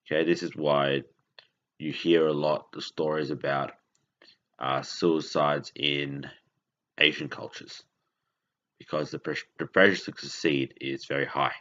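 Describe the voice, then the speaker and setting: This Indonesian podcast host speaks with an extremely deep, slightly bright voice and a flat delivery. His casual monologue is rambling and halting, full of self-corrections, and captured on dull, lo-fi audio.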